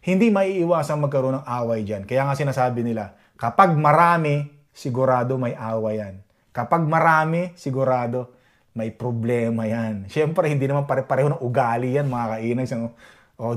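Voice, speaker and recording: A man's voice: mid-range voice, animated, moderate pace. A man from the Philippines, a vlogger, chatting casually to his viewers and often asking "di ba?" to check they agree. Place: Edmonton, Canada.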